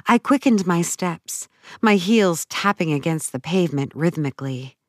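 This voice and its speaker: A woman narrating a first-person audiobook story in a measured, dramatic way. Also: on the low side, lively intonation, a little mellow, dry recording, clean studio sound.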